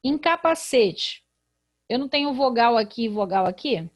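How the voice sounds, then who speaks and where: A woman's voice: fairly high pitch, animated, normal speed. A woman with a Brazilian Portuguese accent, a literacy teacher in a recorded video lesson who explains patiently and asks rhetorical questions.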